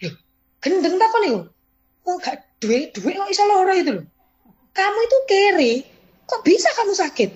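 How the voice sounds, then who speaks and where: A woman's voice: extremely high pitch, sing-song, rapid-fire, hardly any pauses, fairly bright tone, muffled recording, voice pushed up, exaggerated voice. A woman voicing a blunt male sales leader who scolds harshly. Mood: scornful. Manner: harsh, mocking, lecturing.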